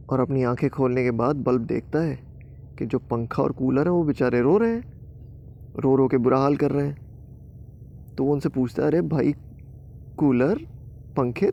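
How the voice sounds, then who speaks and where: A man's voice: mid-range voice, gravelly, muffled recording, a little hiss or hum. A man narrating a children's bedtime story in a casual, conversational way. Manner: casual, conversational, mixing in English words.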